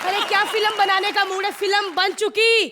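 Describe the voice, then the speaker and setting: A woman's voice: very high-pitched, little pitch movement, normal speed. A woman playing a sassy, quarrelsome newlywed bride in a stage comedy sketch. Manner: sassy, teasing. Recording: studio audience laughter and noise.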